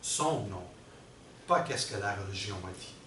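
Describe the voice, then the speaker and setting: Middle-aged workshop presenter, patient and explanatory, recorded from afar in an echoey room with background noise. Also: male voice, fairly low pitch, expressive, unhurried, sharp tone. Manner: explanatory, checks in often with the audience. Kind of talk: teaching a workshop. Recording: roomy and distant with background noise.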